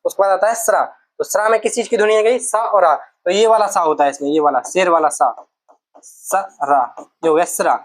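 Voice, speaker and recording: A woman's voice: on the low side, normal speed, poor audio. A woman teaching an exam-prep Hindi lesson, going through each letter patiently, repeating sounds and asking the class questions.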